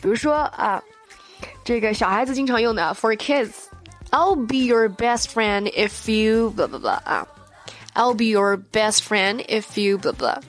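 A woman with a fairly high voice teaches an online English lesson, explaining in Chinese in a lively, chatty way. She reads each English example sentence slowly and then repeats it. Faint music plays behind her.

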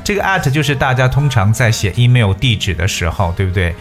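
A man's voice: medium pitch, lively intonation, brisk, soft background music. A man hosting an English lesson for Chinese listeners, mixing English and Chinese and spelling words out letter by letter. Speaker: host.

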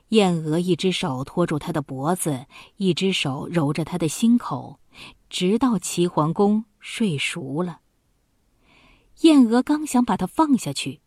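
A woman storyteller reading a historical tale for children, slowly and expressively. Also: on the low side, a little mellow, slightly rough, dry recording, clean studio sound.

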